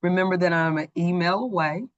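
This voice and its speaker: School lady walking parents through slides on a video call, lowish voice, lots of ums. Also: steady tone, fairly quick, lo-fi sound. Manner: plain, organized, with frequent ums and restarts. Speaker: school staff presenting to parents. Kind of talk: online parent meeting presentation. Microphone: computer mic on a video call.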